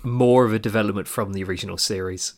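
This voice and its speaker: A man with a low-pitched voice chats casually as a podcast co-host. He rambles, trails off mid-thought and laughs easily. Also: steady tone, fast talker. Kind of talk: casual chat about cartoons.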